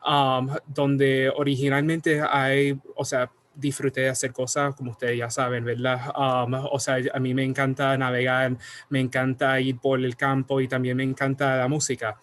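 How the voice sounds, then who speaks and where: Puerto Rican man, flat steady delivery. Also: mid-range voice, moderate pace. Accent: Puerto Rican Spanish. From Puerto Rico. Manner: explanatory, with frequent fillers. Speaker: guest scientist. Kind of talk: online science talk. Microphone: computer mic on a video call.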